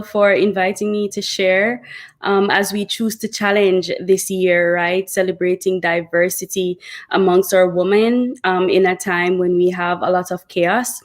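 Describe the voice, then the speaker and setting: A woman from Jamaica, a doctoral student, introducing herself graciously on a panel. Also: mid-range voice.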